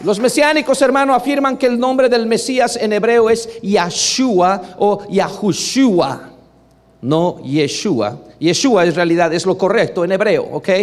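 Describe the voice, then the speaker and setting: A man preaching a sermon with a high, bright voice. He is emphatic and keeps asking the congregation for agreement. His delivery swings between quiet asides and loud exclamations. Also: unhurried. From Latin America.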